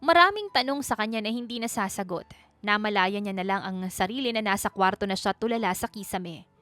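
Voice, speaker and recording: A woman storyteller narrating a scripted romance story in a steady, even manner. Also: mid-range voice, a little fast, dry recording. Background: faint background music.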